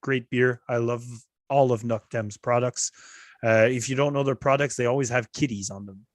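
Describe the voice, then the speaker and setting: A man hosting a live podcast in relaxed casual chat, reading out the chat and steering the roundtable. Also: medium pitch, moderate pace, dry recording, clean studio sound. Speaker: podcast host.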